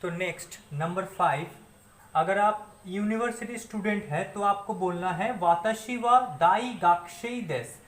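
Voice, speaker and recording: A man from India teaching Japanese phrases in a spoken lesson, with a slow, careful delivery of model phrases between quicker explanations. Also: high voice, fairly bright tone, echoey room. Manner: fillers and restarts while explaining.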